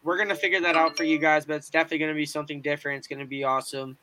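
A man's voice: fairly high pitch, level tone, very fast, bright, forceful tone, dry recording, low-quality recording. A young man hosting a sports podcast casually, with slangy frat-bro enthusiasm. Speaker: podcast host. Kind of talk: casual hosting and live reaction.

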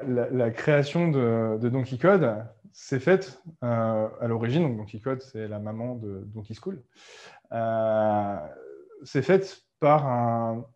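A man giving a casual, conversational talk on starting a business, full of fillers and quick self-corrections. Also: mid-range voice, darkish tone, dull audio. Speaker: entrepreneurship coach. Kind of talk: casual explanatory talk to camera.

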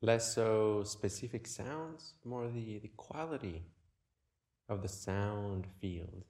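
A meditation teacher with a lowish voice guides a meditation gently and without hurry, leaving long pauses between short phrases.

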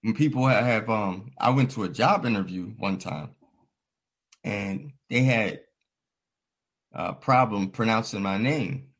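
A man with a lowish, husky voice talks through his views in casual conversation. He sounds earnest and reflective, building his points slowly and slipping into quoted voices as he tells stories. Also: fairly bright tone. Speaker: podcast host.

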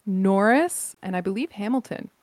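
A woman's voice: mid-range voice, animated, normal speed, a little mellow, dry recording, studio quality. A woman chatting as a guest on a casual podcast, good-humoured.

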